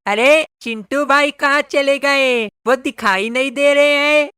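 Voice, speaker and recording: A man voicing cartoon kids, talking in an excited, exclamatory way. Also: extremely high pitch, slow. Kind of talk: cartoon voice acting. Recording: music playing behind.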